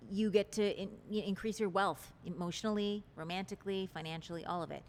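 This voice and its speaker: A woman interview guest discusses relationships articulately, expansively and earnestly. Her mid-range voice is steady and fairly quick, with a little hiss or hum in the recording.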